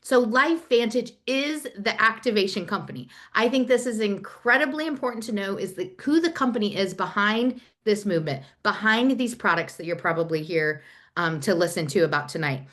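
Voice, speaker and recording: A woman giving an excited, fast, chatty online presentation over a video call. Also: medium pitch. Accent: Nebraska. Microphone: computer mic on a video call.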